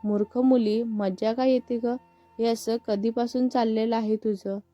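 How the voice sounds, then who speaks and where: A woman's voice: fairly high pitch, fairly even intonation, a little slow, warm tone, natural voice. A woman reading the lines of a young woman who scolds and teases her friend. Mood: scolding. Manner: scolding, teasing. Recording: muffled with faint background music.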